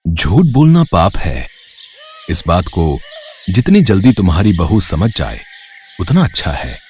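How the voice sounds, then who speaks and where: A man voicing a wise old holy man in a cartoon, speaking in slow, solemn pronouncements. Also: low-pitched, very animated, darkish tone, slight background noise, full character voice. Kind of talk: cartoon voice acting.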